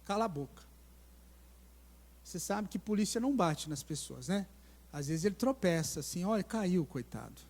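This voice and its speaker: A middle-aged male pastor preaches a sermon in a church sanctuary, animatedly telling stories with acted voices and posing questions to the congregation. His voice is high and moderately paced, with long church-hall reverb on the recording.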